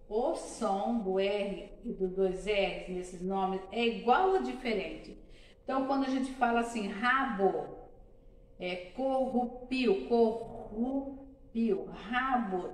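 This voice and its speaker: A woman's voice: mid-range voice, echoey room, far from the mic, low-quality recording. A woman from Brazil teaching a primary school class, explaining patiently and repeating examples syllable by syllable. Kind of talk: classroom lesson.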